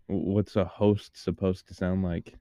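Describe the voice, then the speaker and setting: A man co-hosting a casual podcast, joking in a dry, deadpan way with few words. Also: deep voice, a little slow, no room sound. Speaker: podcast co-host.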